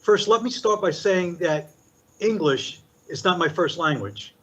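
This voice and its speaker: An older commissioner from Puerto Rico gives a formal prepared statement at a public meeting, working through listed points in a measured, deliberate way. His voice sits high, expressive and a bit bright, in a dull lo-fi meeting recording.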